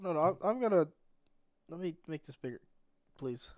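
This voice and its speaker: A man's voice: a little high, lively intonation, normal speed, no room sound, studio quality. A man chatting casually with friends on a voice call, wry and joking. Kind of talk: casual group chat on a voice call.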